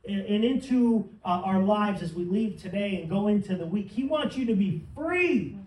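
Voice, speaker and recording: A man's voice: sits high, lively intonation, normal speed, darkish tone, a little hiss or hum. A man preaching a sermon in church, fervent and building to emphatic peaks. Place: church sanctuary. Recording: roomy sound from some distance.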